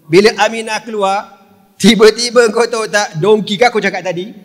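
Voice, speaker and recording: A man's voice: high-pitched, fairly even intonation, brisk. A man with a Malaysian Malay accent, a preacher telling a sacred story in a playful, slangy comic style and often turning to the crowd. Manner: playful, slangy, keeps asking the crowd "you know?". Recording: echoey hall reverb.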